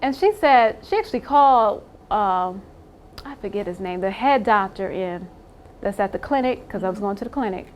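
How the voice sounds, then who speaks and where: A woman speaks bluntly in an interview, giving a candid personal account with emphasis and the odd curse. Her voice sits at a mid pitch, with a faint hiss of background noise. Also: expressive, normal speed. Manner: blunt and emphatic, swears, laughs wryly.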